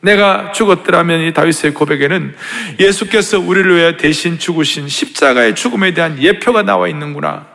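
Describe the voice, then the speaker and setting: A man preaching a sermon with a high, gravelly voice, caught by the long reverb of a large church sanctuary. He tells the story dramatically, dropping to hushed tones and rising to shouts. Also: fairly quick, hardly any pauses. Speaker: pastor.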